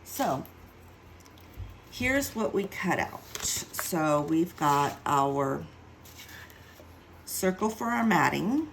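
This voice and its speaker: A woman's voice: sits low, expressive, drawn-out words, creaky, pauses often, slight background noise, rough recording. A woman giving a casual craft tutorial, chatty and self-mocking as she thinks aloud while working. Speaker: card-making demonstrator.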